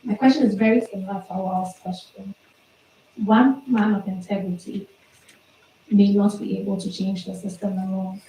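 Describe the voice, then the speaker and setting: A woman's voice: mid-range voice, steady tone, normal speed, dark tone. A young woman from Ghana, a graduate student, asks a question politely and composedly. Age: young adult. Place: large lecture hall. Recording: echoey hall, far mic, faint hum.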